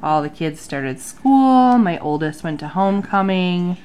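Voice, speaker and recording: This is a lowish, animated, unhurried female voice with a slightly mellow quality and a touch of hiss or hum. The speaker, a bullet journal vlogger in her thirties with sinus-infection nasality, chats casually about her journal at her home desk under an overhead light, peppering it with ums.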